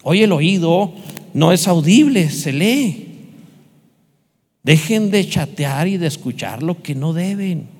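Pastor guy preaching, kinda high voice, jokey asides, echoey church. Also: slow, long pauses. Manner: lively, humorous preaching with asides to the congregation. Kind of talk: sermon.

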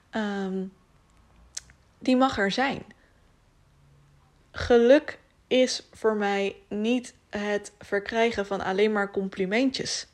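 A woman's voice: mid-range voice, creaky. A woman hosting a personal solo podcast, talking candidly and emotionally, jumping from topic to topic with many fillers. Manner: rambling, jumps from topic to topic. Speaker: podcast host.

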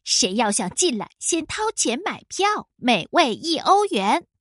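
A woman's voice: high-pitched, big pitch swings, unhurried, dry recording, studio quality, heavily acted. A woman putting on a sneering bully wolf. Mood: mocking. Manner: sneering and threatening. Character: mocking bullying young male wolf.

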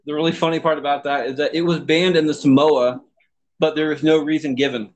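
Brisk and fairly even in intonation, this Texan man's voice sits on the high side as he hosts a laid-back podcast chat. He stumbles over words, curses freely and keeps restarting, and the audio is poor.

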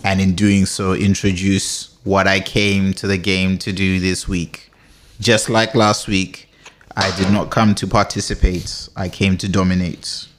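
A man's voice: low-pitched, flat delivery, unhurried, fairly bright tone, slight background noise. A man, co-hosting a podcast with playful, boastful, slangy banter about music. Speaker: podcast co-host.

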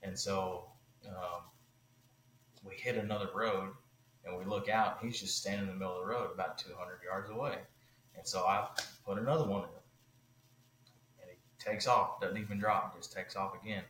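Low-voiced man telling a rambling story. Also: normal speed, roomy sound, slight background noise, poor audio. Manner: animated, rambling with many fillers. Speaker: podcast guest. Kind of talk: casual storytelling.

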